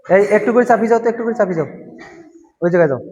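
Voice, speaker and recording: A male Quran teacher, shouting questions and drilling a class of children, scolding them sternly. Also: sits high, lively intonation, racing. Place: crowded classroom indoors. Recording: muffled lo-fi, loud children and noise.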